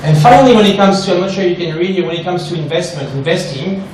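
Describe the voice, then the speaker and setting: In a high voice and at a quick pace, a Frenchman presents an investment seminar to an audience in a large echoey room. Animated and fond of asking "right?", he puts questions to the crowd, while the distant recording has a little hiss or hum.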